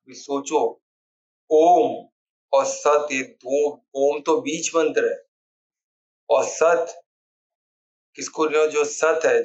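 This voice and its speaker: A man's voice: medium pitch, lo-fi sound. A man giving an informal spiritual talk on scripture, asking rhetorical questions and repeating key words. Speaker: spiritual teacher explaining scripture. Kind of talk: informal Hindi discourse on scripture.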